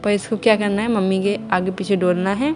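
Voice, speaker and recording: A young Indian woman, a vlogger mom, chats casually to viewers about her day at home while looking after her baby, addressing both them and the little one in a homely way. Her medium-pitched voice is steady and a little quick, with music playing behind her indoors.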